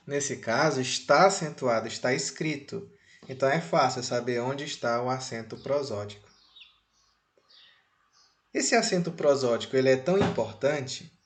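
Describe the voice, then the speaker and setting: A Brazilian man teaching a slide lesson in a Brazilian Portuguese accent, speaking deliberately and repeating key words. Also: mid-range voice. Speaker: Spanish teacher.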